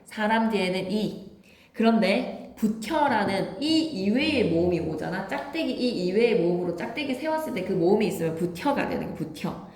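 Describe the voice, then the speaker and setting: A woman's voice: fairly high pitch, roomy sound. A woman teacher giving an emphatic classroom grammar lecture, quizzing her students with questions as she goes.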